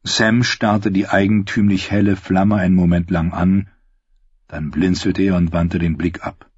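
A man reading a fantasy novel aloud in steady, measured scripted narration. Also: low-pitched, slightly rough, no echo. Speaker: audiobook narrator. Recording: dull, dry lo-fi recording.

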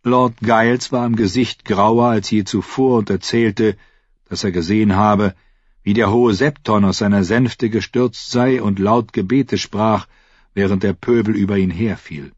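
Husky low-voiced male audiobook narrator. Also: steady tone, dry recording. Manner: measured storytelling. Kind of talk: scripted narration. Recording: dull, dry audiobook recording.

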